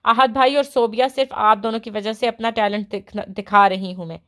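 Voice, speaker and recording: A woman's voice: fairly high pitch, fairly even intonation, fairly bright tone, lightly acted. A woman reading as a fiery young heroine. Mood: cheerful. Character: hot-tempered young heroine, blunt and impulsive.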